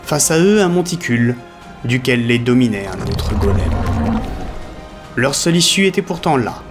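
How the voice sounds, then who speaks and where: A man narrating a scripted audio story in a dramatic storytelling manner. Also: medium pitch.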